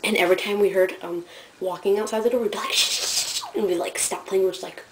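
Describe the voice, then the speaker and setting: A woman's voice: mid-range voice, fairly even intonation, fast talker, background noise. A teenage girl telling rambling stories about school in a casual vlog, giggling and filling her talk with fillers. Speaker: student vlogger.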